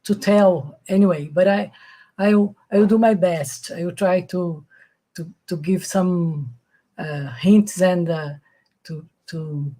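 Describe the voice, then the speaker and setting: A woman's voice: lowish voice, steady tone, takes it slowly, warm tone. An older woman from Brazil opening an academic talk in hesitant, non-native English, modest in manner. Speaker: senior researcher giving a talk.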